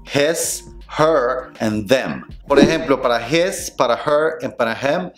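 A young man from Latin America runs a casual English lesson with lively energy. His voice sits in a middle pitch, and he says sample phrases slowly before repeating them at natural speed. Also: soft background music. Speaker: English teacher.

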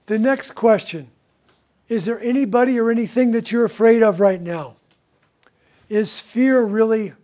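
An older man, a counselor, teaching a recovery class to a group, animated and gesturing, often asking tag questions. He is in a room with a whiteboard, filmed at medium distance. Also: high voice.

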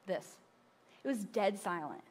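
A woman's voice: mid-range voice, lively intonation, unhurried. A woman in her thirties preaching on a church stage, telling personal stories in a conversational way with asides to the audience. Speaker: pastor. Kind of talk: sermon.

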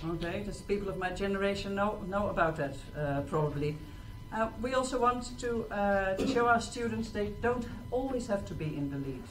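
A middle-aged woman hosts an event from a small stage in a presentation room, chatting informally with the audience and tossing rhetorical questions at them. Her mid-range voice has lively intonation, moving at normal speed with hardly any pauses. The distant mic picks up a clearly noisy room.

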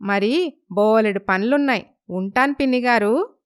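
A woman playing a gentle, modest young wife. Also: a little high, measured pace, clear, resonant tone, lightly acted. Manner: modest, polite. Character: dutiful, gentle young daughter-in-law.

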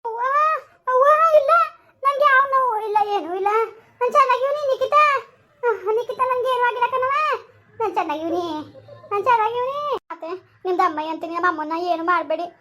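A woman's voice: very high voice, brisk, bright, forceful tone. A woman playing a frightened village mother who wails and begs in a comedy skit. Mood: pleading. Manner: pleading, wailing, begging.

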